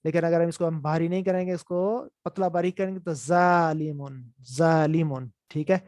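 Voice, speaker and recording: A man's voice: high-pitched, flat delivery, mellow, no echo. A man teaching a class on Quran recitation rules, explaining step by step and often repeating key points. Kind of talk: online class lecture.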